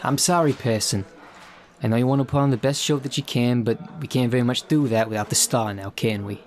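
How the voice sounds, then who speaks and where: A man's voice: medium pitch, steady tone, brisk, a little hiss or hum, lightly acted. A man voicing a blunt, exasperated colleague who teases a fellow actor, in an audio role-play. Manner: blunt and teasing.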